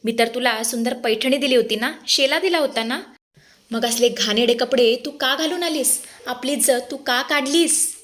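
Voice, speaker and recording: A woman's voice: high voice, moderate pace, a bit bright. A woman doing a hurt, pleading elder sister.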